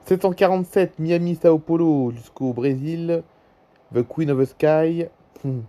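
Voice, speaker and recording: Speaking with a French accent, a YouTuber gives relaxed, improvised commentary on a flight-tracking app, his fairly high, warm voice moving a little slowly. He repeats himself often and keeps urging viewers to look.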